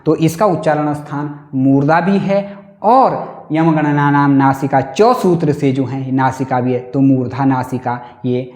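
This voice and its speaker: Slow, echoey Hindi-speaking male teacher. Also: a little high, steady tone, a little mellow. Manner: slow and repetitive, asks and answers own questions. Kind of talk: exam-prep lesson.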